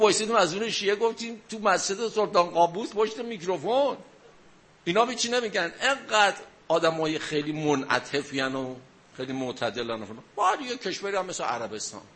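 A man gives a religious talk to a gathered audience. He tells stories and keeps asking his listeners questions. A faint noise sits behind his voice. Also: medium pitch. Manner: storytelling, animated, asks the audience questions. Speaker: religious speaker.

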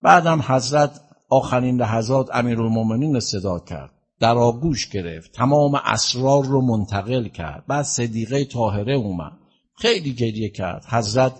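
A man as a religious eulogist, telling a mourning sermon in a lamenting, drawn-out way. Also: medium pitch, slightly rough. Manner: lamenting, drawn-out storytelling delivery.

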